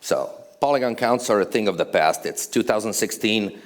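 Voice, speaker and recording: A man's voice: lowish voice, lively intonation, moderate pace. A man from Croatia, giving a casual, conversational conference presentation with fillers and dry humor on stage before a large audience. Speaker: conference speaker, architectural visualization studio co-owner.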